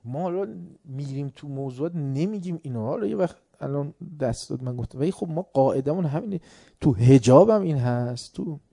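Animated male lecturer telling stories. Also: a little high, gravelly, no room sound, studio quality. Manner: storytelling, acts out dialogue, grows emphatic. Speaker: religious lecturer. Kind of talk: lecture with anecdotes.

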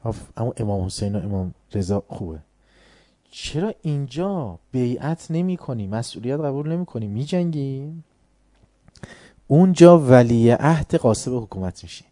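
A man gives an informal religious lecture in colloquial speech, teaching by posing rhetorical questions and answering them himself. His voice is medium-pitched and warm with lively intonation, and there's no room sound.

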